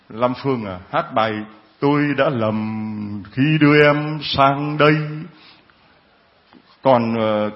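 A man preaching a sermon, his voice at an ordinary middle pitch and captured with a slightly dull, lo-fi quality. He talks in a jovial, teasing way, joking with the congregation as he goes. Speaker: priest.

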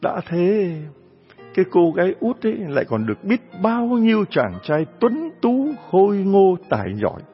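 A man telling a folk tale, with animated delivery and chuckling asides, on a dull lo-fi recording. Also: high-pitched, normal speed, slightly rough, faint music behind. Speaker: storyteller.

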